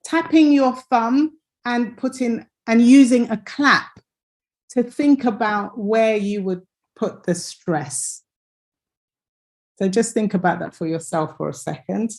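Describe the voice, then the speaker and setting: A woman's voice: on the high side, slow pace, a little mellow. A woman teaching English pronunciation in an online lesson over a computer mic, hesitant, with many fillers and restarts.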